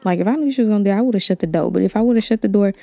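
A young woman hosting a podcast, telling a personal story in a candid, animated way, with slang. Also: medium pitch, rapid-fire, vocal fry, no room sound. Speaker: podcast host. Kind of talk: story time.

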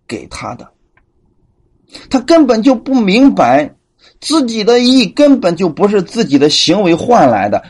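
Male pastor, sermon teaching, husky tone, animated pitch, acts out quotes. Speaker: preacher.

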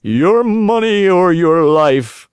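Gruff threatening robber, as a man reads him. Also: high voice, lively intonation, slow, dry recording, pitched above the performer's own voice. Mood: menacing. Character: two menacing male robbers, threatening.

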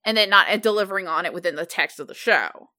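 A woman's voice: mid-range voice, quick pace, bright, forceful tone. A woman co-hosting a podcast in casual chat, frank and blunt, stumbling over her restarts. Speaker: podcast co-host.

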